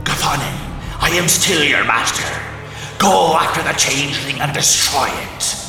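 A man's voice: fairly high pitch, expressive, normal speed, very echoey, music in the background, voice pushed down. A man voicing a domineering, corrupt sorcerer-lord who speaks in an imperious, commanding way.

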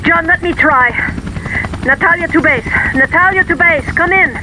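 A woman's voice: very high voice, moderate pace. A woman voicing a female pilot who speaks in clipped radio talk over helicopter noise. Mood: steady.

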